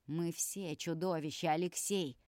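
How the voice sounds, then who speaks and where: A woman's voice: on the low side, steady tone, a little slow, a little mellow, no room sound, studio quality, lightly acted. A woman voicing a stern, domineering male vampire elder who lectures and commands in a cold tone, in an audiobook.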